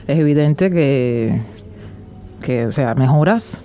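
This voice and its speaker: A woman's voice: a bass voice, expressive, slow, mellow. A woman with a Cuban accent, chatting casually in an interview and explaining things with lots of fillers. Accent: Cuban Spanish. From Cuba. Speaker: band member and guest.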